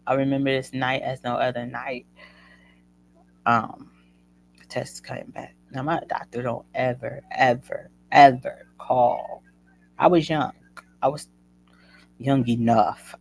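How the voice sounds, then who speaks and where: A woman's voice: rumbling low, vocal fry, a little mellow, a little hiss or hum, poor audio. A woman hosting a show who tells a personal story in a casual, chatty way and keeps addressing her listeners as "y'all.". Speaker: host.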